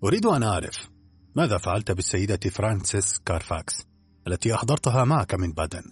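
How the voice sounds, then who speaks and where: A man's voice: on the low side, sing-song, quick pace, breathy edge, faint music behind. A man reading an audiobook, voicing a bold male detective who speaks decisively and commandingly.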